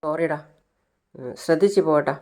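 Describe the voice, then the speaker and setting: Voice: medium pitch, moderate pace, darkish tone, natural voice. Narrator voicing a young man, subdued, polite, waving off concern, plain voice.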